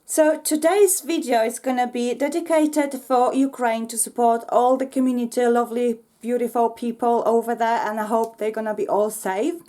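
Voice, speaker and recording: Croaky Polish-accented woman crafting. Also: fairly high pitch, steady tone, moderate pace, hardly any pauses. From Poland. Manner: warm, earnest, many fillers. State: slightly croaky, emotional. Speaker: craft channel host. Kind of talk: crafting tutorial.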